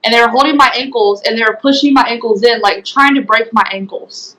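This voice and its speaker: A woman's voice: a little high, brisk, pushed and bright, low-quality recording. A young woman giving a personal testimony as an interview guest, retelling events earnestly with many fillers. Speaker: guest, former program resident.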